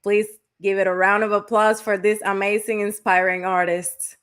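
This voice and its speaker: A woman's voice: mid-range voice, level tone, moderate pace, fairly bright tone, clear, resonant tone. A woman hosting an online interview show over a video call, upbeat and effusive with praise. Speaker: host and company founder.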